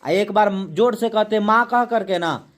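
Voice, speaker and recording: A woman teaching a class, reading a poem slowly line by line, then explaining each line and quizzing the students with quick questions she answers herself. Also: mid-range voice. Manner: slows down to recite verse lines.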